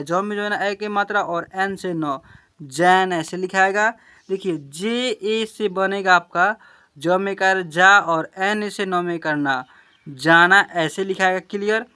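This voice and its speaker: A man teaching a beginners' reading lesson, spelling out letters slowly and checking that his students follow. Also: high-pitched, sharp tone. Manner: slow, spelling out letters and sounds, repeating words, checking with "clear?".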